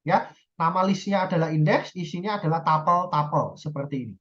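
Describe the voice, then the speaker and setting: A woman's voice: fairly low pitch, brisk, dull audio. A woman lecturer giving a recorded university lesson, explaining step by step, often checking in with the class and correcting herself.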